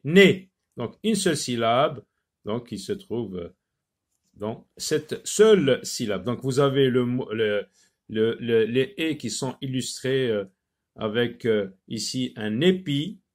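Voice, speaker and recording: A man teaching a phonics lesson to children, slowly repeating each word and stressing its syllables. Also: medium pitch. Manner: slow, deliberate, repeats words syllable by syllable.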